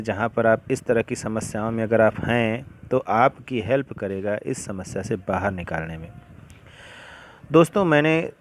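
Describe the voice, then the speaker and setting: A man teaching English to beginners, explaining slowly and patiently with many examples. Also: medium pitch, a little hiss or hum. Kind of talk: beginner classroom-style lesson.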